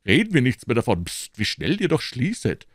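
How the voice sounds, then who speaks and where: A man doing a loud, smug boastful musketeer. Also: mid-range voice, huge pitch swings, a little fast, no echo, clean studio sound, pitched above the performer's own voice. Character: boastful, self-satisfied adult male musketeer.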